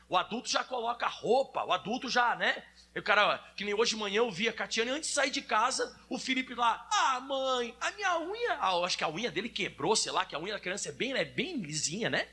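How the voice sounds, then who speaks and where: Brazilian pastor man preaching, acts out little scenes, really high voice. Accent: Brazilian Portuguese. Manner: animated preaching, acts out children and adults. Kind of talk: sermon.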